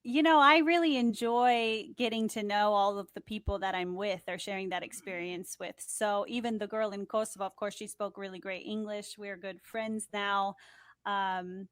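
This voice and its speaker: A woman's voice: mid-range voice, steady tone, moderate pace, fairly bright tone, clear, resonant tone, no echo, clean studio sound. A young woman telling stories as the guest of an interview in an upbeat, chatty way. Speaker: guest, TV host and producer. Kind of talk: conversational interview.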